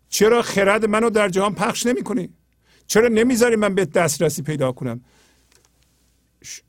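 A man hosting a spiritual talk, explaining poetry earnestly and often dropping to a low, quiet tone. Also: no echo, clean studio sound.

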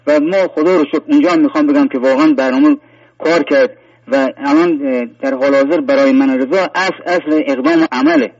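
A man phones in to tell a personal story, earnest and rambling, often restarting his sentences. His voice sits a little high and sounds dull and distant, as if heard through a phone line. There is no room sound around him. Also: animated, creaky, a little mellow, no room sound. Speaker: caller.

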